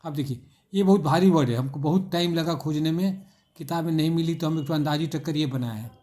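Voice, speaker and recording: A man's voice: fairly high pitch, fast talker, warm tone. A middle-aged male teacher, explaining an English textbook exercise and patiently spelling words out letter by letter.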